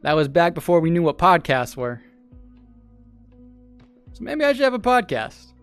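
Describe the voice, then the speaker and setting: Hosting a casual livestream, this streamer and podcast host thanks new followers and chats with viewers in a slightly high, very animated voice at normal speed. He laughs a lot, repeats himself, and claims his voice is made for radio and sales. A dry close mic picks him up, with faint music in the background.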